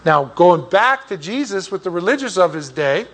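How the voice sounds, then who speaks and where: A man's voice: high-pitched, sing-song, normal speed, a bit bright. A man teaching an informal Bible class, rambling off on side points and restarting his sentences often. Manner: rambling and digressive, with many restarts.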